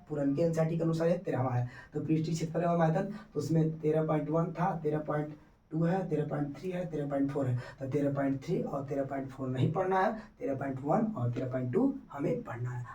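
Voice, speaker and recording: A man's voice: on the high side, a little mellow, highs cut off. A male teacher going through a syllabus chapter by chapter, repeating himself and checking that students follow. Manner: repetitive, checks students understand. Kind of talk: syllabus explanation lesson. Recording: echoey room, mic at a distance.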